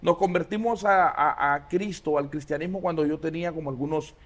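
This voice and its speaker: A man in his forties, a pastor, telling his life story as an interview guest with many pauses and fillers. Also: on the high side. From Honduras. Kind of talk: casual interview.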